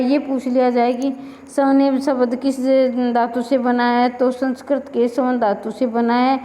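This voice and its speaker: Woman, grammar teacher, exam-prep lecture, repeats key points, mellow voice, long reverb. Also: sits high.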